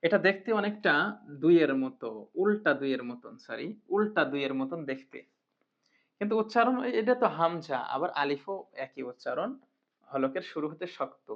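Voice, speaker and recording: A woman's voice: low-pitched, lively intonation, moderate pace. A woman teaching Quran reading in a recorded lesson, patiently repeating and drilling each sound. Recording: muffled lo-fi recording.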